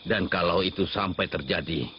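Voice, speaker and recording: A man's voice: low-pitched, normal speed, slight background noise, lightly acted. A man voicing a dutiful, easily flustered middle-aged gatekeeper in an amateur anime fan dub, speaking politely and hesitantly. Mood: resigned. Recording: lo-fi with background music.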